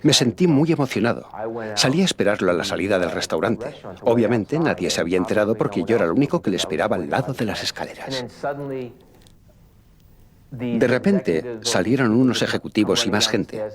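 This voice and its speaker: A man with a slightly low voice tells a personal story with lively, moving intonation. The sound of a crowd runs clearly behind him. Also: a little fast. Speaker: interviewee recounting a memory. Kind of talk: personal anecdote. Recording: crowd noise in the background.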